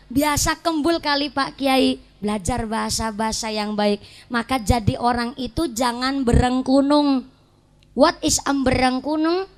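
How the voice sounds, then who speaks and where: A woman preacher with a Banyumasan ngapak accent, giving a humorous sermon to a congregation and telling lively stories. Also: high voice. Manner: lively storytelling, mimics voices and mixes local dialects for jokes. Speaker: female Islamic preacher.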